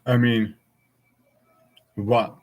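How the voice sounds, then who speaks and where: A man's voice: mid-range voice, flat delivery, drawn-out words. A man of forty chatting casually and frankly with his stream viewers, rambling from thought to thought. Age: 40s.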